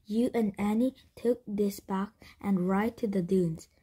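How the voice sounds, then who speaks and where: A woman voicing a wise male caravan leader in a storybook, in a soft, slow, half-whispered manner. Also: mid-range voice, husky. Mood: urgent. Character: grown man, a wise desert caravan leader.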